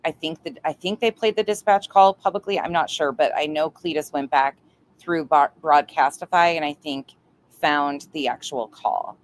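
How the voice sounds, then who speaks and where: A woman with a deep voice hosts a casual livestream from home, chatting with her viewers at a moderate pace. She's chatty and teasing, mocking freely and swearing often.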